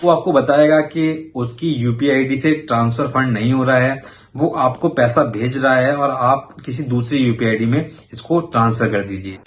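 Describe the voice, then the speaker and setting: A man with a mid-range voice hosts an informal explainer for viewers on his banking awareness video channel. He talks conversationally at a normal pace, mixing in English words.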